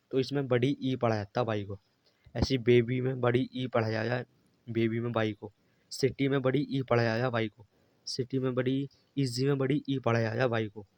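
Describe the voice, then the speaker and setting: A man teaching a beginners' English phonics lesson, patiently spelling words out letter by letter and repeating them. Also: mid-range voice. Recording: dry, slightly dull lo-fi recording.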